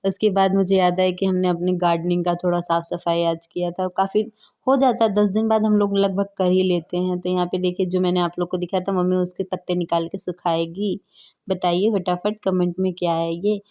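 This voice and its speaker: A young woman narrates her own home vlog in a chatty, homely way. Her voice sits low and mellow, with little rise and fall. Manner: chatty, homely, with many fillers. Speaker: vlogger. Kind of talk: casual vlog voice-over narration.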